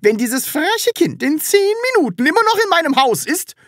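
A furious, bossy landlady, played by a woman who shrieks her orders at the top of her voice. The pitch flies high and swings wildly as she scolds. The sound is dry and near. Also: big pitch swings, moderate pace, dry recording. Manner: shrill, scolding and loud. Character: shrill, angry older landlady, bossy. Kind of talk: audiobook character reading.

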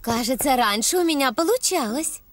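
A woman voicing a kind, encouraging mother pig in a children's cartoon dub, gentle and motherly. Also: high voice, animated, moderate pace, no echo.

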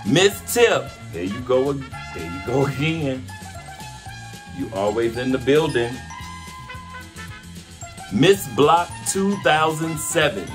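A man's voice: medium pitch, very animated, takes it slowly, pauses often. A man hosting a cooking channel, casually calling out names in a playful, chatty vlog giveaway. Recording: music playing behind the voice.

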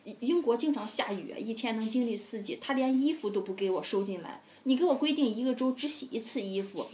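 A young adult woman vlogger telling a casual, animated and indignant story about a bad landlord. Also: on the high side, quick pace, slight background noise.

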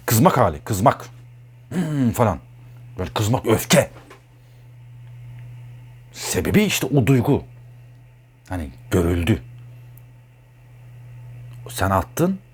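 A man's voice: on the low side, big pitch swings, takes it slowly, long pauses, husky. A man talking as an astrologer in a blunt, heated monologue, repeating himself a lot. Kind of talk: casual monologue.

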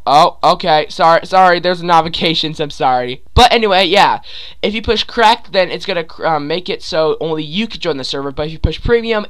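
The speaker is a young man, a gaming YouTuber, whose fairly high voice comes across smooth and a little bright despite his sore throat and stuffy nose. Guiding a screen-recorded game tutorial, he rambles with many fillers and keeps restarting his sentences.

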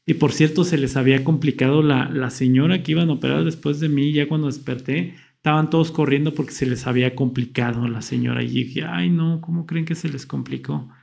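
A young man telling a personal story in a casual, animated way, acting out what he and others said. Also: on the high side, a little fast, creaky, few pauses. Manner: animated retelling, acts out his own past quotes. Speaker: vlogger.

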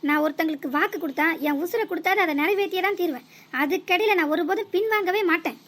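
A woman's voice: extremely high pitch, fast, fairly bright tone. A woman voicing a brave young male hero in a cartoon who lectures firmly and defiantly. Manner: firm, preachy and defiant.

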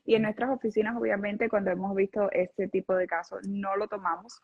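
Here the same kind of speaker, a woman in her thirties working as a personal injury lawyer, talks through cases earnestly over video, frequently starting over; Spanish is her first language, and she lived in Venezuela without being born there. She has a mid-range, level voice with a breathy edge and speaks fairly quickly. Behind her office chair is a city window, and the interview audio sounds dull and lo-fi.

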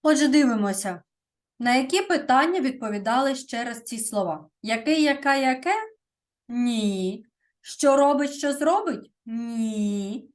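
A woman teaching a primary school grammar lesson, speaking deliberately and often checking in with "так?". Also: on the high side, expressive.

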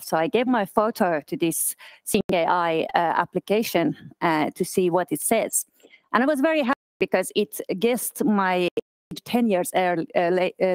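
A woman in her thirties, originally from Iran, giving a conference talk as an accessibility specialist, speaking in a halting way with many fillers and restarts. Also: on the low side, darkish tone, dry recording. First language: Persian. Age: 30s. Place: office event space.

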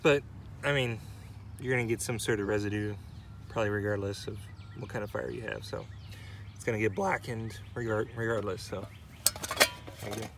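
A man in his forties, an outdoor vlogger, cooks in the autumn woods while chatting casually and thinking aloud, dropping fillers and self-deprecating asides. His voice sits on the low side at a normal speed, with frequent pauses. The outdoor recording has clearly audible background noise.

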